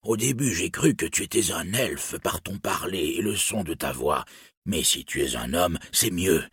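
A man's voice: sits low, animated, moderate pace, fairly bright tone, slightly rough, no room sound, studio quality, heavily acted. A man voicing an old, poor male dwarf who pleads for his life and speaks of himself by name. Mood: wary.

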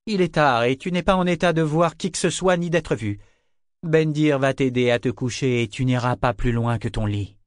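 A man's voice: medium pitch, moderate pace, hardly any pauses, a little mellow, clear, resonant tone, no echo, clean studio sound, close to an everyday voice. A man voicing a tired, stern mother who speaks curtly and then soothingly to her drunk son.

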